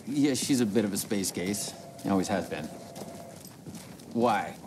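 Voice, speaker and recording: An actor playing an easygoing small-town sheriff in a video game, laid-back, dry and folksy. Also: male voice, fairly low pitch, animated, a little slow. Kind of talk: naturalistic video game acting. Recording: noisy ambient background.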